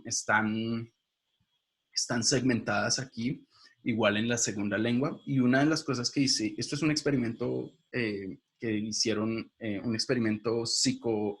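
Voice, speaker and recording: A male teacher gives a video lecture in a voice of middling pitch. He explains each point step by step and turns to his viewers with quick questions. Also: a bit bright. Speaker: linguistics teacher.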